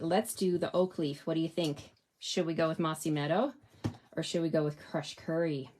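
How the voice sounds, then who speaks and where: Upbeat woman chatting through a craft demo. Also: sits low. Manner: chatty, upbeat, talks straight to viewers. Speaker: craft demonstrator. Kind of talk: live stamping tutorial.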